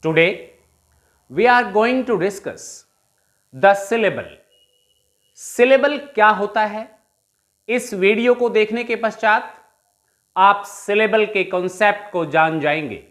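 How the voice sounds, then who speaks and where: A woman's voice: mid-range voice, slow, long pauses. A woman English teacher from India with an Indian English accent, giving a bilingual phonetics lecture and repeating questions to the viewers.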